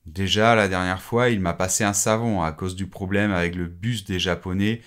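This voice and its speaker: A man's voice: low-pitched, steady tone, normal speed, fairly bright tone, clean tone. Guy doing a worried young dad begging a coworker for a favor, apologetic, scripted lesson dialogue. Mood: pleading. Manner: pleading, apologetic.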